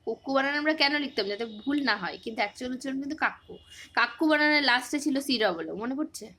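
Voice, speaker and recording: A woman's voice: high-pitched, lively intonation, very fast, pushed and bright, a little hiss or hum. A woman teaching a casual phonics lesson, patiently quizzing her pupil with repeated questions.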